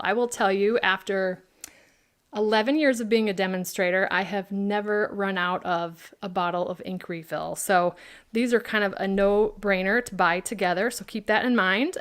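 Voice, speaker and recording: A woman's voice: medium pitch, moderate pace. A woman hosting a live craft product demo, chatting and answering viewers' questions by name.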